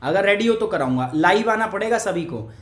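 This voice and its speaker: A man's voice: high-pitched, expressive, fairly quick. Joking male teacher in an echoey room. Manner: joking, teasing, talks to viewers by name. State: has a cough. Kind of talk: live online class, chatty lecture.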